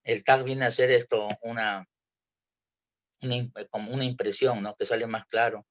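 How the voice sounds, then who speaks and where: A man from Peru, giving an earnest personal testimony in church, halting and full of restarts. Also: medium pitch, steady tone, a bit bright. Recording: dull lo-fi church recording.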